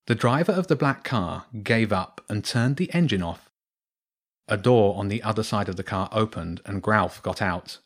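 A man narrating a children's storybook in a steady, clear reading voice. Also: lowish voice, normal speed.

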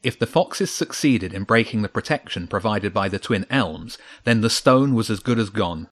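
Low-voiced man reading a story. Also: lively intonation, normal speed, a bit bright. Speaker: narrator. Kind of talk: storybook narration.

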